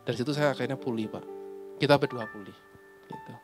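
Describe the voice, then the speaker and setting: A man's voice: mid-range voice, fast. Sincere man with faint guitar behind. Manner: sincere, plain, repeats phrases. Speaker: guest, husband. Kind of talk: personal testimony on a talk show. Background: faint guitar music.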